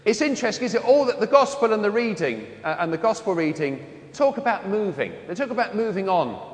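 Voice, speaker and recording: Chatty priest in an echoing church. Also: male voice, high voice, big pitch swings, brisk. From Wembley, London. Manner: chatty, anecdotal, self-mocking humor. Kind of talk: sermon. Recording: echoey church with long reverb.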